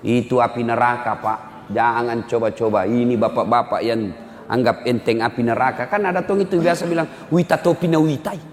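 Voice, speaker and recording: A man's voice: mid-range voice, a little fast. Emphatic male preacher in echoey hall. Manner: emphatic, teasing, directly addresses listeners. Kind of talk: lively sermon with storytelling. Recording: echoey hall with long reverb.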